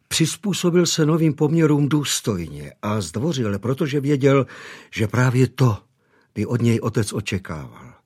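Husky man narrating an audiobook. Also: medium pitch. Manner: measured, expressive storytelling. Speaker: audiobook reader. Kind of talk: scripted narration.

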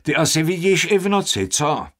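A man voicing a stern, irritable older master perfumer who scolds, shouts and mocks. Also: mid-range voice, big pitch swings. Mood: mocking.

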